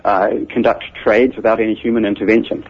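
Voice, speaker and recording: Speaking briskly in a level tone, this New Zealand-accented computer scientist patiently and methodically explains ideas as an interview guest. His voice sits on the low side with a breathy edge, and the radio broadcast sound is muffled.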